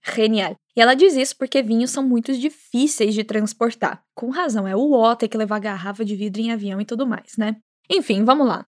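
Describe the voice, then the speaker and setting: A woman from Minas Gerais with a Brazilian accent, teaching a language lesson with repeat-after-me drills, saying example phrases slowly and carefully between chatty, upbeat asides. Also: on the high side. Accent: Brazilian Portuguese, Minas Gerais. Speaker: Spanish teacher.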